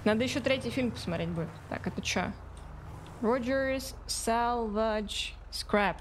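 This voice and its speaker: A woman's voice: fairly high pitch, measured pace. Woman vtuber chatting over game noise. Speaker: vtuber streamer playing a video game. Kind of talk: casual livestream gameplay commentary. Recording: game sounds and noise behind voice. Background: video game ambience.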